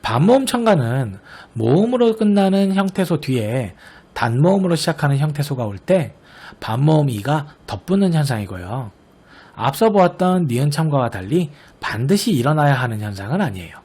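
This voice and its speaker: A male teacher gives a recorded grammar lesson in a slightly breathy, husky voice. His pitch rises and falls in a lively way as he explains each point step by step. He slows down to sound out example words and keeps checking that his students understand. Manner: patient, explanatory, often checks understanding with the class; slowly sounds out example words to model pronunciation. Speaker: Korean language teacher.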